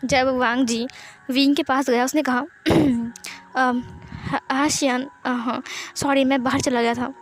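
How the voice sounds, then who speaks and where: A woman's voice: high-pitched, level tone, takes it slowly, a little hiss or hum. A woman casually narrating a fan fiction story, voicing every character herself with fillers and restarts.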